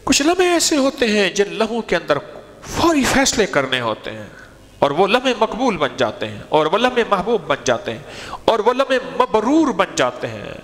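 A male preacher delivering a sermon with an animated storyteller's delivery, his voice rising and falling widely as he acts out the story. His tone sits a little higher than most men's. The sound carries a long reverb from a large hall.

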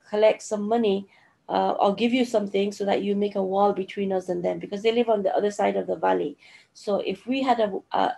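A middle-aged woman leads a religious lesson over a video call. Her voice is gravelly and mellow, and she explains slowly, stopping and restarting often. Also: mid-range voice. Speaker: Quran teacher.

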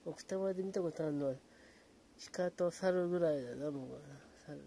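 A man keeps his voice hushed while he chats late at night from a small apartment room. His tone is mellow and unhurried, and he drifts easily from greeting viewers to relaxed chatter. A faint hiss sits under the voice. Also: creaky. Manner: hushed, low-volume talk; relaxed, rambling, fond of fillers like うん. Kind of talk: casual late-night chat.

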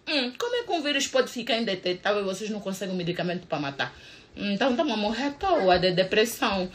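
A woman's voice: mid-range voice, fairly bright tone, slight background noise. A woman from Angola with an Angolan Portuguese accent, ranting profanely to her vlog audience in a combative, mocking way and repeating her points. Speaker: vlogger. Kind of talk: angry profane rant to camera. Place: United States.

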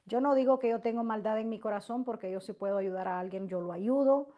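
A middle-aged woman hosting a live stream, reading out viewer messages and answering them in a loud, emotive, long-winded way. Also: a little high, fast talker, muffled recording. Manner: loud, emotive, talks at length. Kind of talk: casual live chat.

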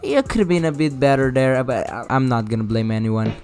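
A man's voice: mid-range voice, expressive, brisk, music in the background. A young man hosting casual comedic commentary, joking crudely and rambling. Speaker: commentary YouTuber.

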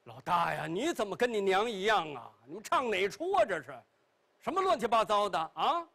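A man's voice: sits high, very animated, normal speed, creaky, bright, forceful tone, pitched below the performer's own voice, exaggerated voice. A man voicing a flustered, puzzled old father in a storytelling performance, stammering and grumbling. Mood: exasperated.

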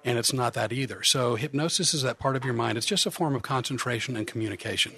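A man's voice: mid-range voice, fast talker, fairly bright tone, a little hiss or hum. A man who works as a comedian hypnotist, chatting as a podcast guest in a joking, self-deprecating way with many restarts. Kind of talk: casual podcast chat.

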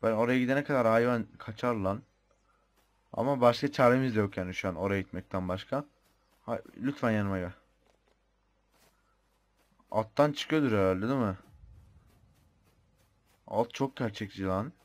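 A man's voice: on the low side, normal speed, pauses often. A young man with a Turkish accent giving casual commentary on his own gameplay, chatty and thinking aloud, muttering the odd mild swear. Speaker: gamer.

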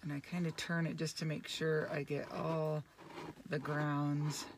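Woman, fifties, casual vlog, slow, lowish voice, phone at arm's length, laughs a lot. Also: little pitch movement, a little hiss or hum. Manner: chatty, laughs often. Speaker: vlogger. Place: camp van and forest campsite.

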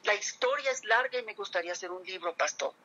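A woman's voice: medium pitch, fast, sharp tone, lo-fi sound. A middle-aged woman giving an earnest, emotional religious testimony to a pastor, addressing him again and again as she speaks.

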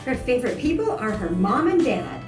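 A woman's voice: on the high side, sing-song, a little fast. A woman emceeing a pageant on stage, announcing contestants in a bubbly, sing-song manner. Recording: roomy PA from far off. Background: music and crowd.

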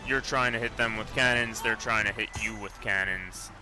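A man's voice: on the low side, steady tone, normal speed, music in the background. A man casually commenting on his own gameplay, rambling and correcting himself as he goes. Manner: rambling, self-correcting, offhand. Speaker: let's play commentator.

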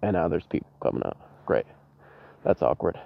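A man's voice: low-pitched, animated, moderate pace, creaky, phone-quality sound. A man who is sick with a cold giving a casual, informal vlog introduction on a city street. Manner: informal, sweary. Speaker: motovlogger. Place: outdoors on a city street beside a parked motorcycle.

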